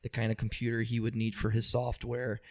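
A man's voice: mid-range voice, monotone, brisk. A man who works as an employment supervisor, explaining things steadily in an interview with frequent ums and small restarts. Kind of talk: interview answers.

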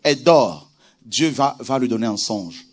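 A man preaching a sermon with animated delivery, moving from quiet scripture reading to shouted exclamations. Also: mid-range voice, a little slow. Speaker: pastor.

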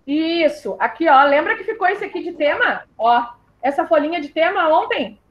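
High-voiced gaúcho teacher on a muffled call. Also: female voice, expressive. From southern Brazil. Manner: patient, spells out syllables slowly, calls pupils "my love". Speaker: primary school teacher. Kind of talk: online literacy class for young children.

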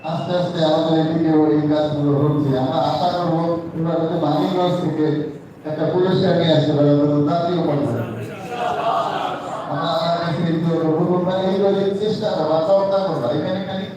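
A man's voice: a little high, fairly even intonation, fairly quick, noisy background. A middle-aged man giving an earnest, preacherly address to young students at an award ceremony. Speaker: speaker at a Quran memorization award ceremony. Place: large echoey event hall. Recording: echoey hall from far off.

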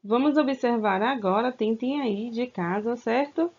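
Woman teacher, children's grammar lesson, slow and drawn-out, higher voice, slightly dull lo-fi sound. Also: a little mellow. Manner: slow, stretched-out words, coaxing pupils with questions. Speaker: school teacher.

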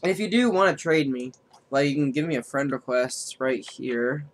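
A man at a mid-range pitch streams a card game live. He thinks his moves through aloud and counts up the damage number by number as he plays. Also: moderate pace, a little hiss or hum. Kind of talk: live gameplay commentary.

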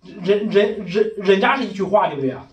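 A man's voice: high-pitched, lively intonation, brisk, dull audio. A man leading a casual religious discussion as a preacher, emphatic and firing one rhetorical question after another. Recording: echoey room, far from mic.

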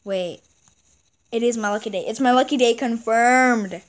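Excitable high-voiced woman gamer. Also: normal speed. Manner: excitable, repeats exclamations, restarts words. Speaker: gaming channel host. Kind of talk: casual gameplay commentary.

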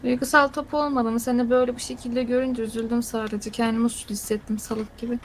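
A woman's voice: a little high, flat delivery, fast talker, slight background noise, poor audio. A woman playing a role-play game, teasing and scolding the others for their rude talk.

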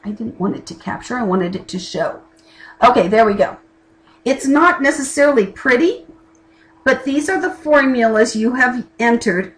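Recorded through a camera over her home desk, where a keyboard and lamp sit, a middle-aged woman teaches a college class by video. Her mid-range voice is a bit bright, and her style is chatty and plain-spoken with asides. The audio is rough.

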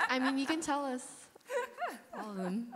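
Slow-talking woman in the audience. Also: high voice. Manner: slow, giggling. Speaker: audience member asking a question. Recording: hall reverb with noise.

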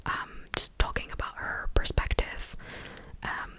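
A little slowly, a young adult ASMR creator whispers through a recap in a small indoor room at home, very close to a large desktop condenser mic. The hushed, chatty delivery is breathy and unvoiced, with clicky mouth noises throughout.

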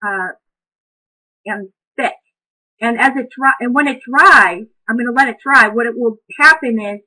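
Woman, craft demonstrator, bright voice, calm and reflective, narrates each step. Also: on the high side, rough recording. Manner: talks through each step as she works.

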